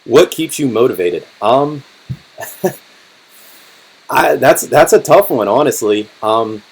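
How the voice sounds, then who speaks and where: A young man in his twenties hosting a casual live-stream Q&A, talking in a relaxed, rambling way with lots of ums and restarts, his voice going hoarse. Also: mid-range voice, rough recording. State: voice getting hoarse. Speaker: car channel host.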